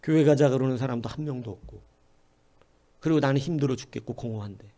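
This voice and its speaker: A man preaching a sermon as pastor, telling a story in a lively way and acting out the quoted speech. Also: mid-range voice, fast talker. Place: church.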